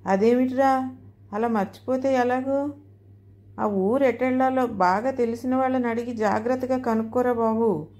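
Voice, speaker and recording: A woman's voice: fairly high pitch, normal speed, dark tone, voice pushed up, natural voice. A woman voicing a naive, fussy elderly mother-in-law in a storybook, talking in a chiding, pleading way. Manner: chiding, pleading, easily confused. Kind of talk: storybook dialogue.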